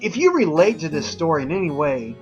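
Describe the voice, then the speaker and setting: A man's voice: fairly high pitch, sing-song, a little fast, lo-fi sound, faint music behind. A man presenting a scripted infomercial as a wellness coach, speaking directly to viewers in an earnest, folksy way with a personal testimonial tone.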